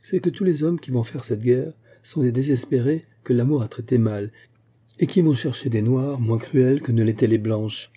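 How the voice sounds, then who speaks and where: A man's voice: medium pitch, normal speed, warm tone, husky, close to an everyday voice. A man reading aloud and voicing a cruel young woman at court who taunts her rival insistently. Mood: taunting.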